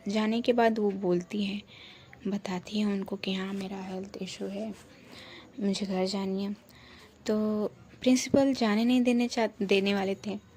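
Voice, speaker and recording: A woman's voice: medium pitch, flat delivery, a little slow, darkish tone. A woman narrating a romance audio story in a chatty, casual way, framing each line of dialogue. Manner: chatty, repetitive framing of who says what.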